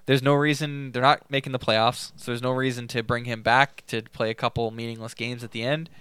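A man's voice: mid-range voice, level tone, fairly quick, fairly bright tone, clean tone, no echo. A man co-hosting a casual fantasy hockey talk, giving player updates in a matter-of-fact way. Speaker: fantasy hockey podcast co-host. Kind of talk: casual chat.

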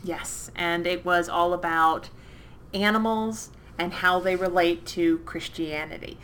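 A woman co-hosting a podcast, chatting enthusiastically with quick asides. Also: fairly low pitch, a bit bright, a little hiss or hum. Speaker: podcast co-host. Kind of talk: casual chat.

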